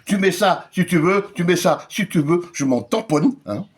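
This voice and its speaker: A man's voice: high voice, slight background noise. A man on his own channel, ranting casually and mockingly as he reads out and answers viewers' comments. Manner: mocking, sarcastic, drawn-out emphatic asides.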